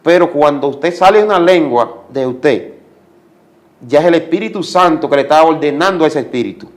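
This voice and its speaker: A man's voice: on the high side, lively intonation, normal speed. A man giving a religious testimony as a guest, speaking like a preacher and repeating commands for emphasis.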